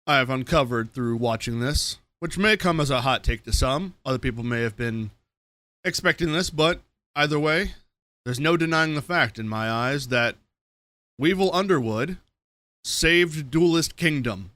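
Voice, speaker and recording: A man co-hosting a podcast, chatting casually with dry, deadpan jokes. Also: mid-range voice, normal speed, no echo. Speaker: podcast co-host.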